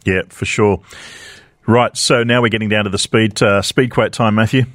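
A man hosting a radio show, upbeat and quick to laugh as he reads listener questions. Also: lowish voice, fairly even intonation, fairly bright tone, no echo, clean studio sound.

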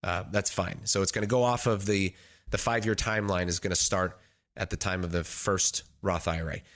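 A man hosting as a financial adviser on radio, explaining off the cuff in a halting way with simple examples. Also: low voice, steady tone, a bit bright. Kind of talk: unscripted explanatory radio talk.

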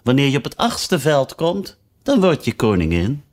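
A man voicing a brisk, bossy queen who shouts high commands and tacks on chatty tag questions. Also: very animated. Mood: kindly.

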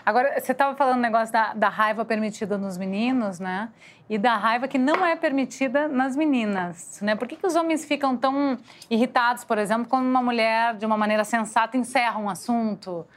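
A woman's voice: on the high side, brisk. A woman hosting a talk show, asking her guests chatty questions.

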